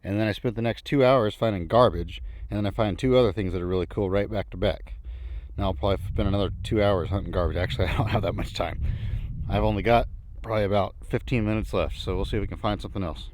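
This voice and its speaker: Fast-talking man with a low voice, vlogging. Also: a little mellow, slight background noise. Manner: folksy, thinking aloud, musing. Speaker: vlogger narrating a treasure hunt. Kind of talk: casual outdoor vlog narration. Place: outdoors in an old junkyard.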